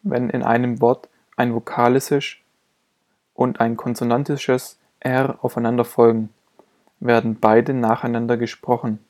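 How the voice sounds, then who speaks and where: A man's voice: mid-range voice, little pitch movement, unhurried, a little mellow. A man reading a scripted German pronunciation lesson, carefully articulating example words one by one. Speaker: pronunciation teacher.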